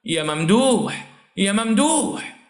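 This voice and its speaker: A man voicing a scheming young stepmother in Egyptian Arabic, with shrill, histrionic outbursts. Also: big pitch swings, a little slow, roomy sound, exaggerated voice. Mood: coaxing.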